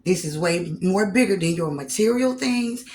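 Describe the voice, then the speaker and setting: A woman's voice: fairly low pitch, expressive, normal speed, darkish tone, slight background noise. A woman vlogger chatting casually while she eats on camera, repeating phrases and slipping in preachy, folksy asides.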